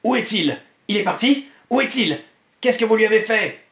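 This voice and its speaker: A man's voice: high voice, takes it slowly, echoey room, pitched above the performer's own voice. A man voicing a ravaged, half-mad man who talks in an ecstatic, gurgling, pleading way. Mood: anguished. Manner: frantic, pleading and triumphant shouting.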